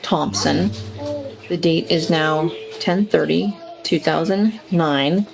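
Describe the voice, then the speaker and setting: A woman formally opening a police statement, heard on an old interrogation tape recording, in a measured, official manner. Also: sits low, gravelly. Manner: measured, official, reads dates and times. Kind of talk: formal spoken record header.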